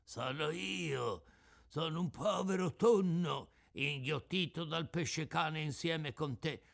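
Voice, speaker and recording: Man doing a cracked, high philosophical old tuna. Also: slow pace, vocal fry, fairly bright tone, exaggerated voice. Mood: resigned. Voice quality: cracked, out-of-tune voice. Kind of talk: audiobook character voice.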